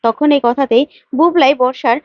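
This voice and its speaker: High-voiced woman retelling a story. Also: normal speed, no echo. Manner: plain retelling, addresses viewers as friends. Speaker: storyteller recapping a serial. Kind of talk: story narration. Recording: dull lo-fi, dry.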